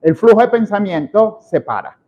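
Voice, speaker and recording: A man teaching a public speaking class, lecturing in a lively way and changing his volume for emphasis. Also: sits high, normal speed, muffled recording. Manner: animated, imitates filler words, shifts volume for emphasis.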